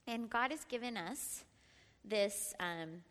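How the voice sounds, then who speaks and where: A middle-aged woman leading a church Bible study, lively and often laughing as she prompts the group. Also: fairly high pitch, slow. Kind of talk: Bible teaching talk. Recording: long reverb in a large room.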